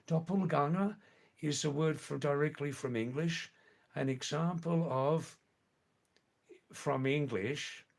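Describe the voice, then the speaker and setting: In a slightly high, creaky voice, an older man hosts a live stream and chats casually with his viewers. He answers their comments slowly, rambling and repeating words as he goes.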